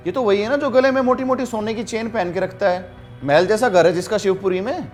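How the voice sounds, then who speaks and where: A man's voice: high voice, fairly quick, faint music behind, natural voice. A man playing an easygoing police officer. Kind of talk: comic web-series acting.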